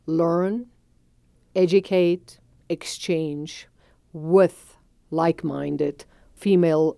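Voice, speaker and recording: Reflective and quick to laugh, an Afrikaans-speaking South African woman in her forties recounts her life as a business owner in a storytelling interview, with fillers along the way. Her voice is low, mellow, and creaky, captured close and dry without any echo.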